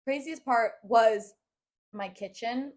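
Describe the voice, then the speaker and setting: A young woman co-hosting a podcast tells a story in rambling, casual chat. Her voice is a little high and slow, heavy with fillers and frequent "like".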